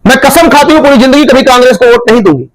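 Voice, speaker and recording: A man voicing an angry housewife who scolds her husband in a shouting rant. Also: very high voice, racing, poor audio. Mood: furious scolding.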